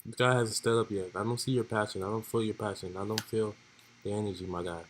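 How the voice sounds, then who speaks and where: A man's voice: fairly low pitch, fairly even intonation, quick pace, a little hiss or hum, rough recording. A young man streaming, laid-back and joking as he reads role-play text aloud in casual commentary.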